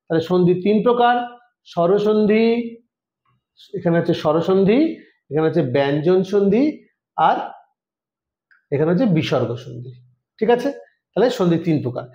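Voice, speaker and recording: Male tutor, higher-pitched voice, patient step-by-step explainer, recorded in a reverberant room. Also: animated, normal speed, long pauses, a little mellow. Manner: explains step by step, often checks understanding. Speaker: Sanskrit teacher for exam preparation. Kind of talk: online lesson. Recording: roomy echo.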